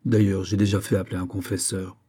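A man playing a dying old Jesuit general who speaks sternly and imperiously, with a husky voice. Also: low-pitched, level tone, quick pace, dark tone. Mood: commanding.

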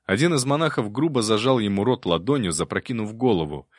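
A man's voice: on the low side, animated, fairly quick, no room sound. A man narrating an adventure story in the first person, with a dry, wry tone. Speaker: audiobook narrator.

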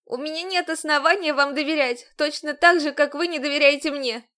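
A woman's voice: sits high, normal speed, fairly bright tone, pitched above the performer's own voice. A young woman on the run, tearful yet defiant in an audiobook scene, as the woman narrator voices her. Her lines come raised and urgent, with a pleading edge.

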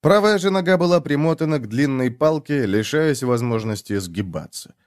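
A man reads an audiobook chapter aloud, telling the story steadily and expressively. His voice sits at an ordinary middle pitch. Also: animated, moderate pace, no room sound, clean studio sound. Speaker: narrator. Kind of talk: audiobook reading.

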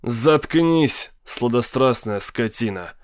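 A man's voice: medium pitch, animated, takes it slowly, no room sound, studio quality. A man voicing a burly, contemptuous male prison warden in a storybook reading, barking and bossy.

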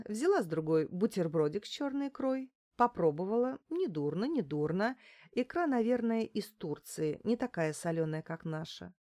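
A woman reading a first-person audiobook with lively, ironic storytelling. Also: a little high, no room sound, studio quality. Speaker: audiobook narrator.

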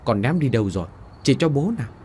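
A man's voice: mid-range voice, lively intonation, fast, darkish tone, slight background noise, natural voice. A man voicing a poor, earnest village father who pleads and fusses in a spoken ghost story. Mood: coaxing. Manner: eager, pleading.

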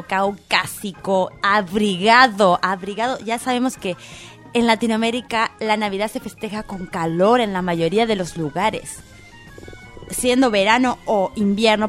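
A woman's voice: medium pitch, moderate pace, faint music behind. A woman co-hosting a radio show, delivering a comedic column in a playful, impassioned campaigning tone. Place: radio studio.

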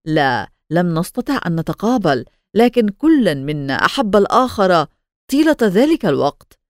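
A woman's voice: fairly low pitch, very animated, moderate pace, a little mellow, dry recording, studio quality. A woman reading as an earnest lovesick man. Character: devoted romantic man, intense and earnest.

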